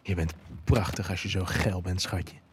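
A man voicing a confident, commanding male lover in an erotic audio story, speaking in a low, dark tone. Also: steady tone, moderate pace, background noise, close to an everyday voice. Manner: low, dark-toned delivery.

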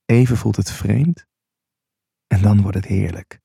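A man narrating an intimate first-person erotic story in a low, unhurried voice. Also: fairly even intonation, gravelly, warm tone, breathy edge, no echo, clean studio sound.

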